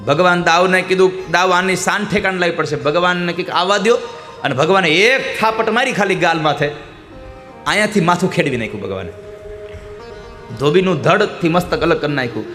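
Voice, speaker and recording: A man's voice: fairly high pitch, fairly bright tone. A man telling a devotional folk story, animatedly acting out the characters' lines.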